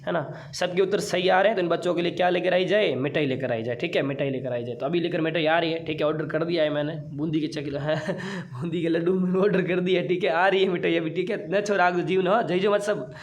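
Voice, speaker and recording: A man's voice: on the high side, steady tone, fast, hardly any pauses. A young man teaching an online exam-prep class in a playful, teasing way, asking questions and answering them himself.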